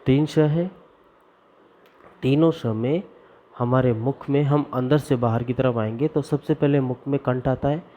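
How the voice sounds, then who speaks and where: A man teaching Sanskrit grammar, reciting the formulas slowly and deliberately and explaining where each sound is made in the mouth. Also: medium pitch, slight background noise. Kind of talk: classroom lesson. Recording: dull lo-fi recording.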